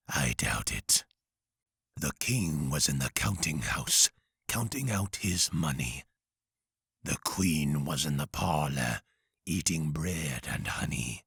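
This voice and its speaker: A man's voice: extremely low pitch, animated, slow pace, creaky, pauses often, a bit bright, husky, no room sound, clean studio sound, exaggerated voice. A man voicing a deranged, murderous hatter who recites nursery rhymes in a singsong way. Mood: eerie.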